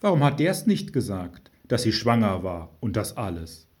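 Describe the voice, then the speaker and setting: A man voicing a rough, outspoken girl who fires off blunt, indignant questions. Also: lowish voice, sing-song, normal speed, a little mellow. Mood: insistent.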